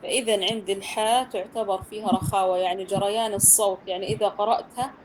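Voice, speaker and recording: A woman's voice: mid-range voice, fairly even intonation, quick pace, a little mellow, slight background noise, low-quality recording. A woman teaching Quran recitation, patiently correcting pronunciation and drilling the rules of letters. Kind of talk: tajweed instruction.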